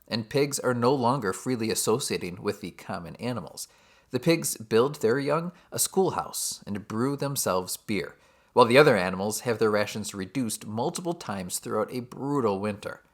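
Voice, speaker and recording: A man's voice: medium pitch, lively intonation, normal speed. A man giving a scripted summary of a novel chapter, with dry, sardonic asides. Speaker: literature teacher. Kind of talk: scripted book summary narration.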